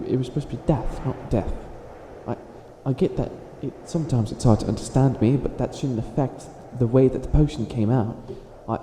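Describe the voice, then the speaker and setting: In a comedic ASMR roleplay, a man with a medium-pitched, everyday-sounding voice plays a theatrical, flustered self-styled evil witch who is hopelessly helpful. He stammers and stretches words for dramatic emphasis, sounding proud yet wistful. The room is echoey, with audible background noise.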